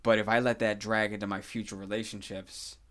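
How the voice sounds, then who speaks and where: A man's voice: lowish voice, level tone, a little fast, a bit bright. A man in his thirties hosting a podcast, talking in a reflective, earnest way with many "like"s and "you know what I mean"s. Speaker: podcast host. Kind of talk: casual podcast conversation.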